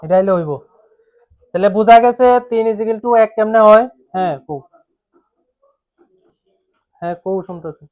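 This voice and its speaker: A man with a high, light voice, teaching a grammar lesson in a questioning, repetitive way. The recording sounds dull and dry, with little room sound. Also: normal speed, pauses often, no echo. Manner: questioning, repetitive, coaxing students.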